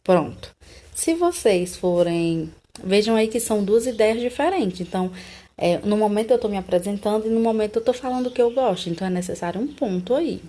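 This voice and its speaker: Brazilian woman teaching a slow class. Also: mid-range voice, expressive, mellow. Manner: explains slowly, repeating examples with tag questions. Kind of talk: recorded online class.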